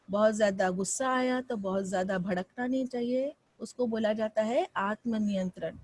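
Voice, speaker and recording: A woman schoolteacher from Mumbai leads a lesson, her voice moving up and down in tone and often turning to her pupils with questions. Her voice sits fairly high. The recording is dry and close. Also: no room sound. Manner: expressive, rising and falling delivery with frequent questions to students. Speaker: teacher. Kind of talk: classroom lesson.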